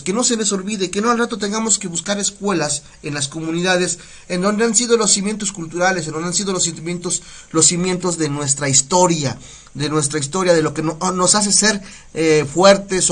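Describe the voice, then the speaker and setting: In a relaxed live language lesson, a community radio host teaches Nahuatl words while reading viewer comments. He's a middle-aged Mexican man with a Mexican Spanish accent and a bright, forward voice that sits high for a man. Talkative and quick to laugh, he slowly repeats each word so his audience can pick up the pronunciation.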